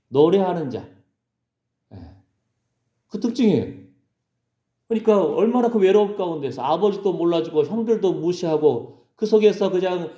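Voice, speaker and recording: A man's voice: a little high, mellow, roomy sound. A male pastor preaching a sermon in a conversational way, often checking in with the congregation. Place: church sanctuary.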